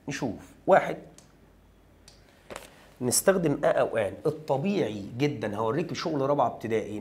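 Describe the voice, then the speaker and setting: A man with an Egyptian Arabic accent teaching an English grammar lesson, talking lively and straight to the students, asking questions and answering them himself. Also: medium pitch.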